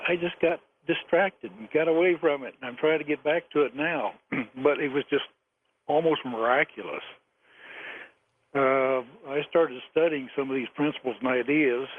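A man in his seventies calling in to a radio show over the phone, speaking haltingly and chuckling often between phrases. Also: a little high, no room sound. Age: 70s. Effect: caller heard over a phone line. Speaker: caller to a late-night radio show. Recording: tinny phone line with faint noise.

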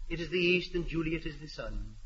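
A man's voice: on the high side, lively intonation, fairly quick, a bit bright, slight background noise. An actor playing a naive, eager young man who wants to act, earnest and overdramatic when he recites. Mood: hammy. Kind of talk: 1940s radio comedy acting. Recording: muffled old radio recording.

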